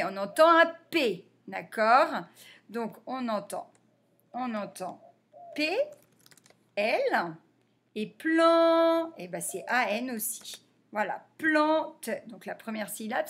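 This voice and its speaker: A woman teacher giving a reading lesson to young children, sounding out letters and syllables slowly and clearly. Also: medium pitch, fairly bright tone, slight background noise. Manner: slow, over-articulated sounding out of letters.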